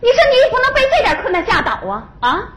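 A woman's voice: extremely high pitch, big pitch swings, racing, fairly bright tone, exaggerated voice. A woman playing a bustling, hospitable wife who keeps the peace in a stage comedy sketch. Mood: coaxing. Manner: bustling, coaxing.

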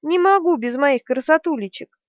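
A woman's voice: a little high, normal speed, no room sound, close to an everyday voice. A woman voicing a crazed, whimpering sorceress who pleads in broken grammar, in an audiobook reading. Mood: wailing. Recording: dry, dull lo-fi recording.

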